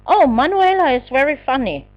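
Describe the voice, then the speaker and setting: A placating woman friend, voiced by a female narrator, insists she is telling the truth. Her speech is lively in pitch, and the recording sounds muffled and lo-fi. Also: moderate pace. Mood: amused. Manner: laughing, then earnestly pleading.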